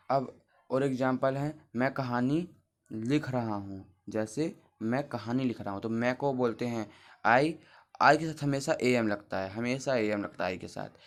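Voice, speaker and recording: Male teacher, mid-pitched, patient, spells words out, talks to kids at the board. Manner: patient, explains step by step, spells words out letter by letter; talks to the class as children. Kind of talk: Hindi grammar lesson at a board.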